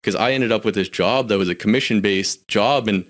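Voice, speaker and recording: A fairly quick talker with a voice on the low side, this Canadian man in his forties is a guest on a podcast. He reflects openly on his life in casual personal stories, often breaking off and restarting what he's saying.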